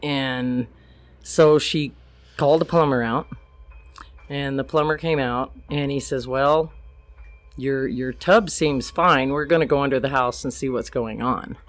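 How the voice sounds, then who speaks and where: A woman's voice: extremely low pitch, unhurried, dry recording. An older woman, a grandmother, telling a true story as a podcast guest, plainly acting out the quoted lines.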